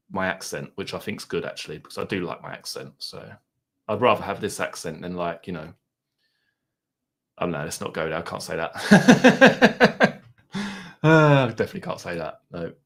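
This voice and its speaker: A man with an Essex accent and a deep, slightly bright voice hosts a live stream. He rambles casually, chatting with his viewers in laid-back banter with some mild swearing.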